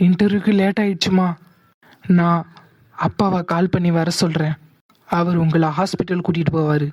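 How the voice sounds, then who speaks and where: A woman voicing a calm, dutiful young husband and son in a cartoon. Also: lowish voice, moderate pace, no room sound, dull audio, natural voice. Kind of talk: cartoon voice acting.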